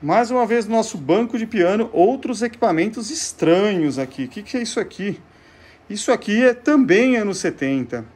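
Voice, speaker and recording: With faint music in the background, a man with a Brazilian Portuguese accent walks through an informal demo as presenter of a vintage gadget show. His high-pitched, slightly mellow voice has lively intonation and a moderate pace. He likes to ask himself questions, then answer them in a didactic way.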